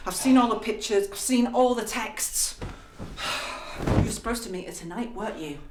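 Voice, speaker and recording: An actress playing a betrayed young woman, shouting in fury at her fiancé. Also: a little high, fairly even intonation, measured pace, close to an everyday voice. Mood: furious. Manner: angry, shouting. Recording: echoey room with noise.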